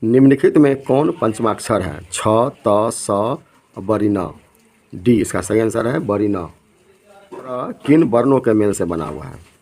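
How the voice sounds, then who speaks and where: A man's voice: on the low side, animated, takes it slowly, a little mellow, poor audio. A man teaching an exam lesson, reading out each multiple-choice question and its options, then giving the correct answer.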